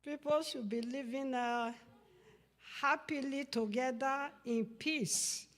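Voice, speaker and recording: A woman in a group discussion, pausing often and searching for her words. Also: high voice, in a large hall.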